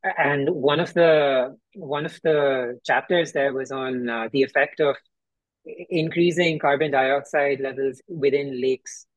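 A man's voice: mid-range voice, steady tone, dry recording, poor audio. Dry-sounding man asking questions. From India. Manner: questioning, thoughtful, slow when recalling. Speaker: podcast host. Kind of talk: casual discussion.

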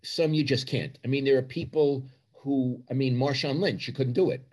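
A man's voice: mid-range voice, fairly even intonation, moderate pace, a little mellow. An older man with a Brooklyn accent answering interview questions as a sports journalist, with emphatic repetition and short punchy phrases.

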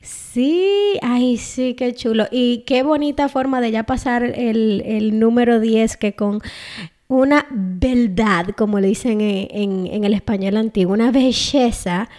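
Woman, podcast co-host, playful, warm mellow tone. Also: a little high, measured pace. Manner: playful, chatty. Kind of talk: casual chat.

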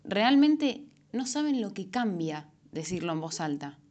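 A woman's voice: mid-range voice, very animated, unhurried, a little mellow, lo-fi sound. A young woman with a Rioplatense Spanish accent, chatting casually to camera about everyday habits, with lots of fillers and self-corrections. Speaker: self-help vlogger. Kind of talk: casual advice monologue.

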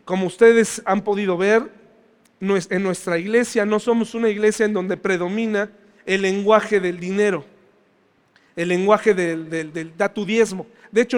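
Male pastor with a high voice and a conversational sermon manner, recorded in a reverberant church. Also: clear, resonant tone. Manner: conversational, asks the congregation questions.

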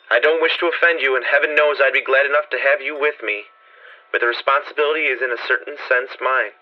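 A man voicing a bold male occult explorer with a mellow tenor voice who speaks with urgent earnestness. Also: medium pitch, lo-fi sound, natural voice.

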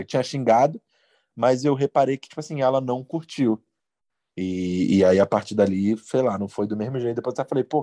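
Man, casual chatter with lots of melody, keeps checking agreement. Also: mid-range voice. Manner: relaxed, chatty, keeps saying "né". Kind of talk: casual chat.

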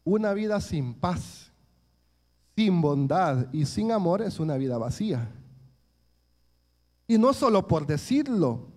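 A man's voice: high voice, very animated, slow pace, pauses often, darkish tone. A man, preaching a sermon and telling stories from his childhood in an earnest way, often calling his listeners brothers.

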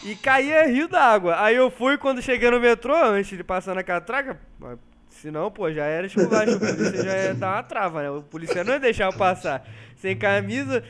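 Animated Rio-accented man telling a story. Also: high-pitched, brisk. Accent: Rio de Janeiro Portuguese. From Rio de Janeiro, Brazil. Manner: animated, slangy, laughs through his story. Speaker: podcast co-host. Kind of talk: casual storytelling among friends.

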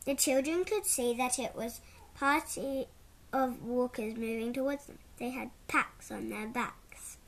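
A woman narrating a children's storybook in a measured, clear way. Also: on the high side.

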